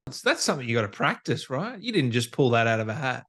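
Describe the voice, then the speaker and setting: An Australian podcast host interviews a guest in a casual chat, enthusiastic, informal and teasing. He talks fast in a sing-song, medium-pitched voice that's a bit bright.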